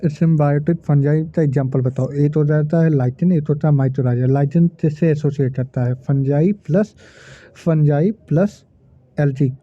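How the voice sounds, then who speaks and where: Guy teacher firing off biology quiz questions and answering them himself, kinda high voice, tinny phone-like dry audio. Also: dry recording. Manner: hesitant fillers while recalling terms. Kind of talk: quick-fire question and answer revision.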